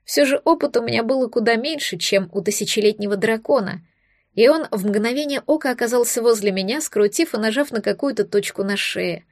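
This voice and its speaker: A woman reads a first-person fantasy romance with steady, expressive storytelling. Her voice sits a little high, and she is recorded close on a studio mic. The sound is dry, with no room around it. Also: brisk, dry recording. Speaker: audiobook narrator.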